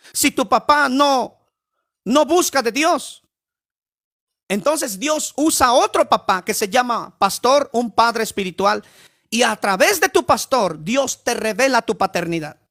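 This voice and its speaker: High-voiced preaching man. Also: a bit bright. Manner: emphatic, repetitive, asks the congregation questions. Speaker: pastor. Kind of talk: sermon.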